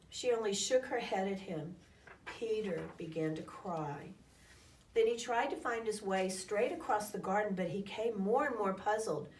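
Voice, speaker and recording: A woman with a slightly low, darkish voice reads a children's storybook aloud expressively and dramatically, acting out calls and sound effects. She's recorded from a distance from the microphone in an echoey room.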